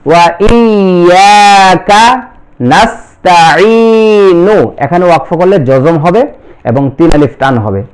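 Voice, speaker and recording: Letter by letter and vowel by vowel, a man with a Bangladeshi accent spells out the Quran text and then repeats the syllables in a slow recitation lesson. His voice is high-pitched and smooth.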